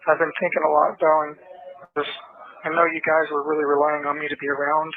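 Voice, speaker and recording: A man talking hesitantly on a prison phone call, pausing often with fillers. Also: on the high side, monotone. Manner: hesitant, halting, many fillers. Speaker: jail inmate calling his father. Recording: tinny prison phone line with crowd noise.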